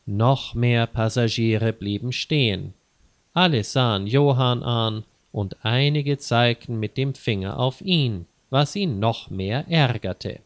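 A man narrating a scripted story slowly and carefully, clearly spaced, for language learners. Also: mid-range voice, dry recording.

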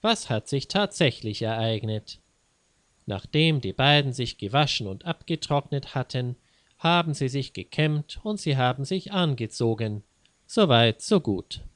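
A man reading a scripted lesson story aloud in a wry, teacherly way. His voice sits at a middle pitch. The recording is close and dry, with no room sound. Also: dry recording. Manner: didactic, wry. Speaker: language teacher.

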